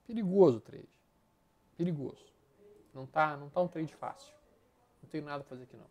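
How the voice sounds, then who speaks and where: This man, who has a Brazilian Portuguese accent, gives live stock market commentary over charts, speaking bluntly with slang and rattling off repeated words as he flips through them. His voice is fairly high, expressive, fast, and a little mellow.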